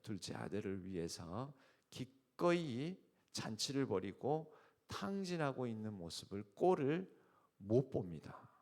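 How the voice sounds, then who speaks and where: A man's voice: mid-range voice, sing-song, measured pace, darkish tone. A male pastor preaching an early-morning sermon, emphatic and explanatory, often putting rhetorical questions to the congregation. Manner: uses spoken fillers and restarts while explaining.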